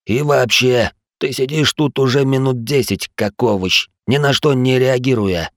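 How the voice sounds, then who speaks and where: A man's voice: mid-range voice, a little slow, no room sound, studio quality, voice pushed up, lightly acted. A man voicing the wary male companions in a reading, in a raised, urgent voice. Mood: tense.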